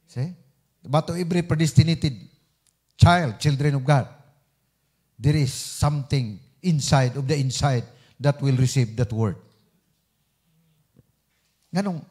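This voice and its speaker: A man with a Filipino accent preaching a sermon, mixing Cebuano and English and tagging points with "See?". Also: a little high. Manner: switches between Cebuano and English, frequent "See?" tags, rising to emphatic peaks.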